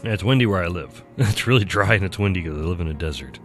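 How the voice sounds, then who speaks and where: Streaming a game, a man rambles in chatty, self-deprecating commentary, his nose stuffy from allergies. His low voice has lively intonation, a quick pace, and a fairly bright tone, with faint music behind.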